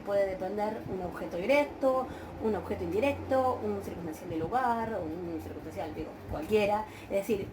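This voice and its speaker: A woman's voice: medium pitch, background noise. A woman with an Argentine Spanish accent giving a university grammar lecture, explaining patiently with frequent hesitations and check-in questions. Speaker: university Greek teacher. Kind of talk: recorded online lecture.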